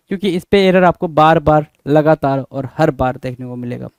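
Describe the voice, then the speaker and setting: A man's voice: a little high, a little mellow, clear, resonant tone, dry recording. Man spelling out words letter by letter. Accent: Indian. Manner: often adds "bhai" to address viewers. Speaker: teacher. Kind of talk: spelling lesson, checking answers.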